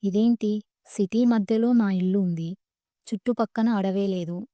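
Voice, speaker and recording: A frightened young man, as a woman narrator plays him asks nervous questions into the dark. The voice is very dark and mellow and stays flat. It sounds dry and close. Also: mid-range voice, a little slow, no room sound, close to an everyday voice. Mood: anxious.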